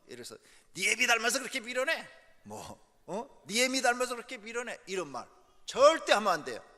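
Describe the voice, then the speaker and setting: Emphatic bright-voiced male pastor preaching. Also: fairly high pitch. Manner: emphatic, repeats key words. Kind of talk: sermon. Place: church sanctuary. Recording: echoey church hall.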